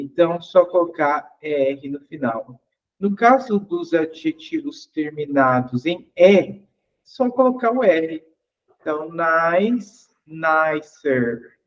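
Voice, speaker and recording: A man's voice: a little high, highs cut off. A man teaching English grammar in an online class. He explains patiently, asks the class questions and repeats each example.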